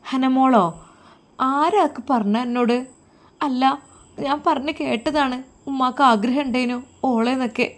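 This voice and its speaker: A tearful young wife with a Malappuram lilt, played by a woman reading a storybook. Her voice sits high and shakes, as if on the edge of sobs. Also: a little slow, pauses often. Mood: accusing. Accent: Malappuram Malayalam.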